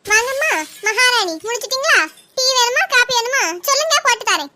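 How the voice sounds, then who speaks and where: A woman voicing a sharp-tongued, nagging older mother-in-law in a cartoon, speaking with an in a sarcastic, scolding way. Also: extremely high pitch, steady tone, fast. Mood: mocking. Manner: sarcastic, scolding, fake-wailing.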